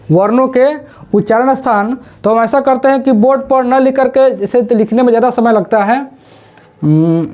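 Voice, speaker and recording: A woman teaching Hindi grammar for exams, asking questions and drilling the pronunciation of each word slowly. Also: fairly high pitch, darkish tone. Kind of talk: exam-prep classroom lesson. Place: classroom with a board.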